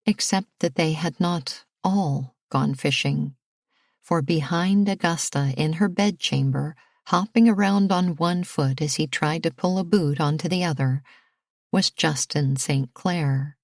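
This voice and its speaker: A woman narrating a historical romance audiobook in a measured, expressive reading. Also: low voice, dry recording, studio quality. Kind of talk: scripted narration.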